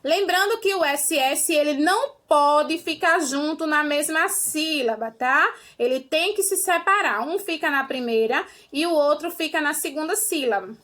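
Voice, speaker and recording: Bright high-voiced Brazilian woman teacher. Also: normal speed. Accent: Brazilian Portuguese. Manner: patient, explains step by step, ends phrases with "tá?". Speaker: primary school teacher. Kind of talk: remote lesson for children.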